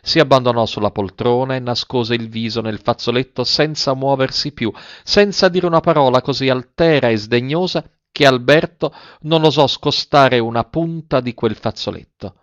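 A man narrating a literary novel in a measured, even storytelling style, recorded on a close mic. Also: mid-range voice, dry recording. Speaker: audiobook narrator. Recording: slightly dull, dry close recording.

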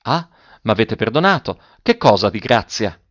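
A man's voice: fairly low pitch, big pitch swings, moderate pace, fairly bright tone, no room sound. A man voicing a proud, ironic princess who speaks sardonically and imperiously in a storybook reading. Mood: sardonic. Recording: dull lo-fi audiobook recording.

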